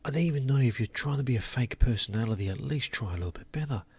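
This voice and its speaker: A man's voice: mid-range voice, animated, fast talker, husky, dry recording. A man giving scornful, sarcastic commentary to his audience, stretching words for emphasis. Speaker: commentary channel host. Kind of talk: opinionated commentary.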